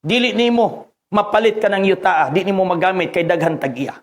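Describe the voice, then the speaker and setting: High-voiced Filipino preacher. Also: male voice, fairly quick. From Philippines. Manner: preaching, mixing Cebuano and Tagalog with English scripture, rising to fervent peaks. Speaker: pastor. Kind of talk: sermon.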